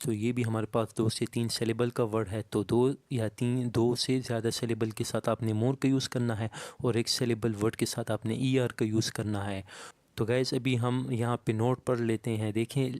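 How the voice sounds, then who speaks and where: A man teaching English grammar, explaining slowly and reading each example sentence aloud word by word. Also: medium pitch, flat delivery, darkish tone, dry recording. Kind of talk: explaining a lesson to students.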